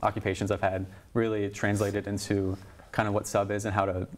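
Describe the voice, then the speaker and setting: A man's voice: fairly low pitch, monotone, brisk, slight background noise. A young man, a student leader, answering interview questions in an upbeat way with lots of ums. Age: young adult. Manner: upbeat, many ums, laughs easily. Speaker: student union board president, guest.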